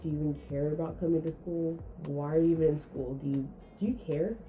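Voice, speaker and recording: A young woman voicing a blunt male high school teacher who questions a student flatly. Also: brisk, faint music behind, close to an everyday voice, poor audio. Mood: dismissive.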